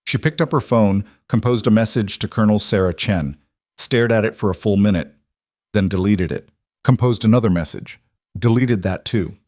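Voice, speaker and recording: A man narrating a scripted story in a measured, terse, deadpan manner. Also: lowish voice, no room sound, studio quality.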